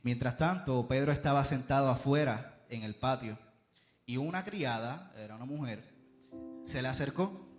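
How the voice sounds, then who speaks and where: A man preaching a sermon at a church service, swinging between loud emphasis and soft asides. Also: medium pitch, normal speed, faint music behind. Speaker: youth preacher.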